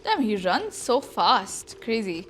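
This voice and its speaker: A woman from India chats casually while gaming on a livestream, scattered and giggly. She sounds on the high side and sing-song, speaking slowly, with a little background noise.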